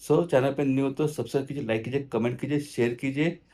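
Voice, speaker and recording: Man travel vlogger, mid-pitched voice, friendly and chatty, casual talk to camera. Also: fairly even intonation, fast talker, warm tone. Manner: friendly, chatty, mixing English words.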